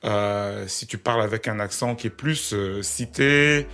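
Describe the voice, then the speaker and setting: A man hosting a conversation, telling a story in a measured, hesitant way. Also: on the low side, bright, forceful tone.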